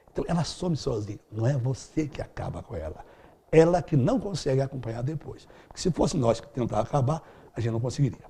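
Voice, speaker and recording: A man's voice: a little high, vocal fry, dark tone, slightly rough. A middle-aged man answering interview questions as a speed-reading instructor, explaining in a didactic way with vivid everyday examples.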